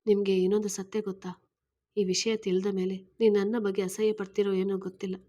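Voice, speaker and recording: A young single mother speaks with firm, pleading resolve, close to tears, as a woman reading a story voices her. Her mid-range voice stays plain and steady. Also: mid-range voice, brisk, lightly acted. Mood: resolute.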